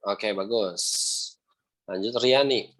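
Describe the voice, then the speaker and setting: A young adult man teaching Quran recitation, patiently repeating sounds slowly and ending phrases with "ya". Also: lowish voice, a bit bright. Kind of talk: online class instruction with recitation examples.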